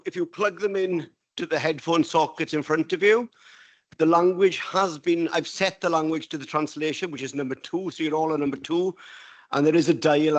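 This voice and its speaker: A man speaking as a council officer, giving informal practical instructions in a halting way to a meeting. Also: fairly high pitch. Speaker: council officer explaining procedure.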